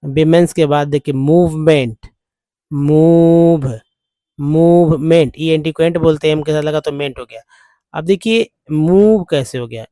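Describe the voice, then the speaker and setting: A man teaching English reading, spelling words out slowly and repeating each one several times. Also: a little high, mellow, dry recording, clean studio sound. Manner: slow, repeats words letter by letter. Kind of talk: spelling and pronunciation lesson.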